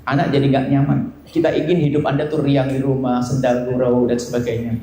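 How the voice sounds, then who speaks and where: A man preaching a sermon with humor, sometimes mimicking people in high, nagging voices. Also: level tone, brisk, warm tone, slight background noise. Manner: playful, jokes and mimics nagging wives and husbands in high voices. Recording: very echoey hall with faint ambience.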